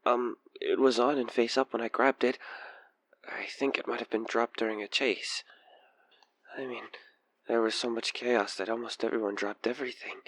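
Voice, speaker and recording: In an intimate audio roleplay, a man voices an obsessed, manipulative killer who coaxes the listener while feigning frightened innocence. His fairly low, slightly bright voice sounds scared and shaken, with hesitant, halting delivery and breathy sighs. His whispers gradually slide into menace.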